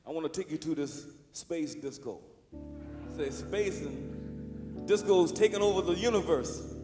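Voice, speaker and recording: A man telling an animated comic story over live music, now and then breaking into shouts. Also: fairly high pitch, a little slow. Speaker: storytelling performer. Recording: echoey hall with live band.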